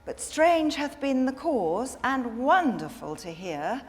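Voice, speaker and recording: A woman voicing Eve, the first woman, eager and persuasive, in a measured dramatic verse reading. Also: sits high, sing-song, full character voice. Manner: measured, earnest verse delivery. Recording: long hall reverb.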